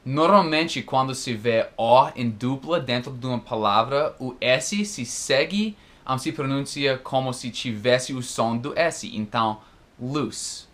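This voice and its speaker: Slow, careful male teacher. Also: mid-range voice, fairly bright tone. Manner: slow, careful, repeats words for practice. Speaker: English teacher. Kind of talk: recorded pronunciation lesson.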